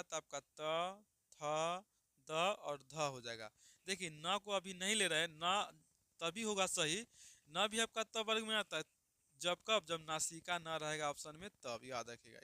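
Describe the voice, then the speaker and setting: A man gives a grammar lesson in a clear, resonant voice with a fairly high pitch. He asks a question, answers it himself, then sounds out each letter slowly for the class to repeat. The recording is dry and close. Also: bright, forceful tone, no room sound. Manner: repeats questions and answers them himself, calls listeners "babu". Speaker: teacher.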